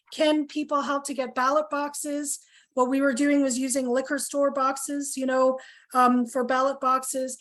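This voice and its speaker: A woman organizer presenting at a town hall over a video call, earnest with many pauses and fillers, losing her voice. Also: high voice. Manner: earnest, lots of ums and questions. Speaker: health coalition organizer.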